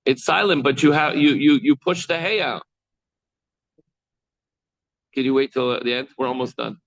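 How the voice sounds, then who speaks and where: A man teaching a text class as a rabbi, reading lines and explaining them slowly, pausing to demonstrate sounds and speak to students in the room. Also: mid-range voice, vocal fry, no echo, low-quality recording.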